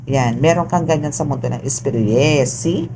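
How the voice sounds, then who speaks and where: Low-voiced woman reading tarot. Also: a little fast. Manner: chatty, mixing Tagalog and English, frequent tag questions. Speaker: tarot reader. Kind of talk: casual tarot reading to a viewer. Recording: steady background noise.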